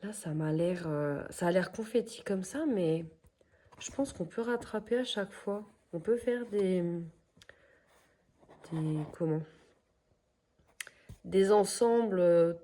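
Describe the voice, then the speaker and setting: A woman's voice: lowish voice, expressive, mellow. A woman with a French accent chatting casually as she unboxes craft kits, hesitant and full of fillers. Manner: slow and hesitant, many fillers. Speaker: crafts vlogger.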